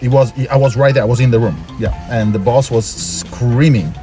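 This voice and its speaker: Speaking at a moderate pace in a warm, medium-pitched voice, an Italian man who works in Japan gives a casual street interview from in or near a car while music plays in the background. He goes on at length, driving his points home through emphatic repetition.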